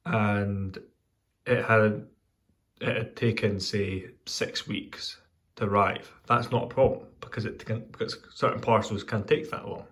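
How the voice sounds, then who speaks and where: A man with a fairly low voice gives a casual hobby vlog update. He talks in a meandering, hesitant way, often stopping to correct himself partway through a sentence. The delivery is unscripted and conversational. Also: fairly even intonation, unhurried, fairly bright tone. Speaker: hobbyist vlogger giving updates.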